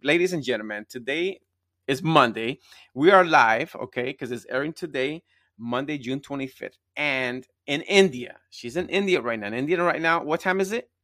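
With a medium-pitched, fairly bright voice at normal speed, this man hosts a live interview podcast. The studio-quality sound has no room echo. He speaks with enthusiasm and emphasis, repeats himself a lot, and checks in with tag questions like "right?"

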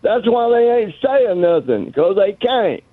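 Radio show caller, male, high-pitched, boastful and taunting, heard over a tinny phone line. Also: sing-song, measured pace, dry recording.

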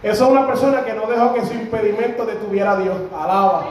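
Fervent high-voiced male preacher. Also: fast talker, background noise. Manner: fervent, rising to shouts on key phrases. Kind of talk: sermon. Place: church sanctuary. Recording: very echoey church hall.

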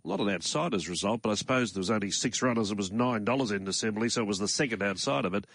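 A man with an Australian accent hosting a morning racing talk show from a studio in a measured, conversational way. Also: on the low side, expressive, gravelly, fairly bright tone, no room sound. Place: radio studio.

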